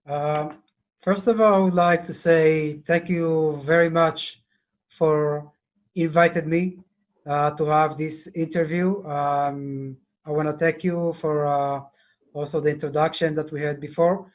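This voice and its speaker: Slow, halting man on a video call. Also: a little high, fairly even intonation. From Ethiopia. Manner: slow, halting, many fillers. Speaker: diplomat guest. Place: office indoors. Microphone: earphone mic on video call.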